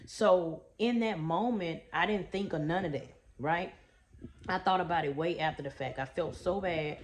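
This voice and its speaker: A middle-aged trauma coach from Houston, Texas, speaks in a lowish voice at a moderate pace, folksily telling stories to her vlog viewers and calling them "y'all" and "baby." A slight hiss or hum is audible.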